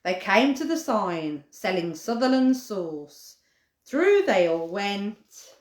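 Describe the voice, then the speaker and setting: A woman's voice: mid-range voice, sing-song, slow, echoey room. A woman in her forties, a playgroup leader, showing a children's craft and reading a storybook aloud in a playful, giggly way.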